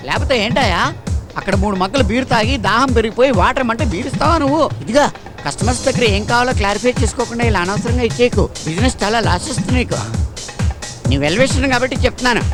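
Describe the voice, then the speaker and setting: An actor playing a wily freeloading bar customer in a Telugu film comedy, arguing indignantly. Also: male voice, very high voice, very fast, music in the background. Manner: indignant, argumentative.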